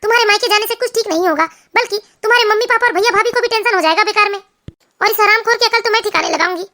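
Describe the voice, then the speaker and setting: A woman's voice: very high voice, fast talker, pushed and bright, heavily acted. A woman voicing a strong-willed older mother-in-law who comforts her daughter-in-law and scolds her son. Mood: firm, comforting. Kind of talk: storybook cartoon voice acting.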